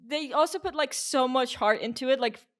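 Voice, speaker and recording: A woman co-hosting a podcast, talking in a fairly high voice. She chats loosely and keeps restarting sentences, with lots of filler words. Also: normal speed, fairly bright tone. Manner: chatty, full of "like" fillers and restarts. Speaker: podcast co-host. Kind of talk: casual chat.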